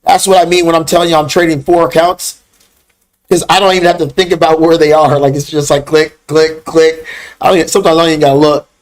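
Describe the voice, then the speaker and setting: A man's voice: fairly high pitch, fairly even intonation, very fast. Blunt, scolding man teaching a trading class. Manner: blunt, scolding, calls out chat names. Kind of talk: live stream trading lesson.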